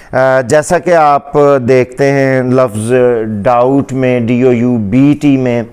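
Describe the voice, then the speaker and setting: A male English teacher giving a pronunciation lesson, saying each word slowly and more than once so it can be heard well. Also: medium pitch, steady tone, a little mellow, clean tone. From Pakistani Punjab. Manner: slow, deliberate repeating of each word. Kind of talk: pronunciation lesson in Hindi-Urdu.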